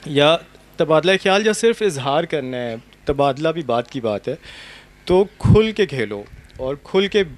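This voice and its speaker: A man's voice: on the high side, sing-song. A young adult man, a translator, speaking reflectively and earnestly on a panel with many hesitations. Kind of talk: panel conversation. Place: outdoor university courtyard event.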